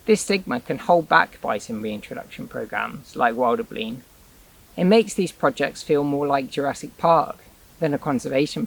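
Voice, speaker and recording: A man's voice: medium pitch, vocal fry, poor audio. A man presenting a rewilding explainer in scripted narration, with dry, wry asides.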